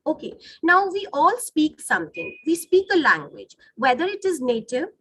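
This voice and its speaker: A woman with an Indian accent, a native Hindi speaker, teaches students in an online lesson over a video call. Her high, fairly bright voice swings widely in pitch at a moderate pace. She explains didactically, rephrasing points and checking in with her listeners.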